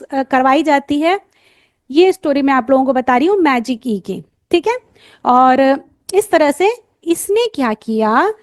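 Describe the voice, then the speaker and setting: An Indian woman teaching phonics, sounding letters out slowly and quizzing the listener as she goes. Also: sits high. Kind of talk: lesson for parents and teachers.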